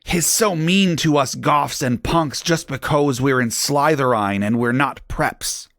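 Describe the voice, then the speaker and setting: A moody, secretive goth teenager, played by a man reading a story. He talks in earnest, exclamatory slang, a little higher than a plain reading voice, in a dry recording. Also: a little slow, fairly bright tone, dry recording. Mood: sullen, earnest.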